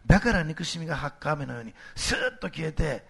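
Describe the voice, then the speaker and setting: A middle-aged male pastor giving a sermon in a conversational, animated way, posing rhetorical questions to the congregation. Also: on the high side, fast, gravelly, breathy edge.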